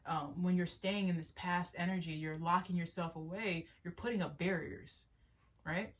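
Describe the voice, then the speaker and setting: A woman's voice: on the low side, fairly even intonation, normal speed. A young woman with a stuffy nose giving a casual, earnest tarot reading, rambling with restarts and little laughs. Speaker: spiritual tarot reader. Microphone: solo video to camera.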